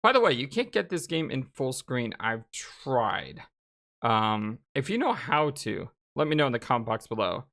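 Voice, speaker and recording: A gaming channel host gives casual, reactive commentary on a blind let's play, chatting and reading dialogue aloud in an exclamatory way. The voice is medium-pitched and sing-song, a bit bright, at a moderate pace.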